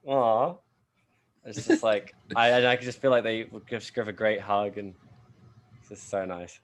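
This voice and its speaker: A man from England with a low voice chats loosely as a podcast co-host. He rambles through plenty of fillers and swears freely. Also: fairly even intonation, moderate pace, a bit bright. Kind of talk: casual chat.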